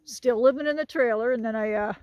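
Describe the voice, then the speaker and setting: She's in her sixties, vlogging a hilltop hike with a group and talking to the phone in her hand as she walks. Her voice is fairly high, quick, and somewhat dark in tone, full of chatter, jokes, and laughs, in a dry recording.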